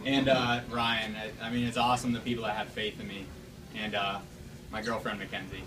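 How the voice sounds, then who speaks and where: A man, the artist at a show opening, giving a casual, halting thank-you speech. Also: on the low side, flat delivery. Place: gallery room at a live event. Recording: distant mic, crowd in room.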